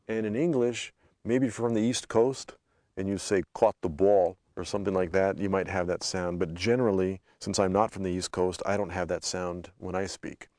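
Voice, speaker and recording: A North American man hosting a language lesson, explaining pronunciation in a clear, steady teaching tone. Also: deep voice, fairly quick, dry recording, studio quality.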